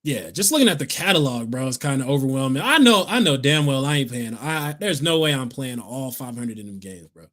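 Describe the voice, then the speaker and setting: A man's voice: mid-range voice, lively intonation, a little fast, few pauses, fairly bright tone. A man co-hosting a gaming podcast, chatting casually in slang and reading out viewer comments. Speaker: podcast co-host. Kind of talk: casual chat.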